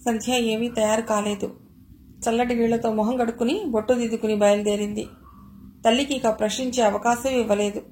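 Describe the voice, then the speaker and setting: A woman narrating an audio novel in a calm, steady storytelling manner. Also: on the high side, brisk, roomy sound, slight background noise, low-quality recording.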